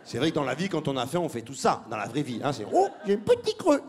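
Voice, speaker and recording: A man doing a stand-up style comic monologue, mocking and laughing, breaking into squeaky put-on voices. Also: animated, fast, a crowd in the background. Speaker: stand-up comedian.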